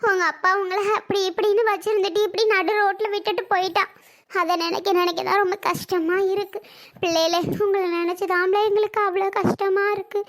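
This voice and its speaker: A caring grandmother in a family drama, acted by a woman, tender and coaxing with the children. Her voice is strikingly high for an older woman. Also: level tone, a little fast.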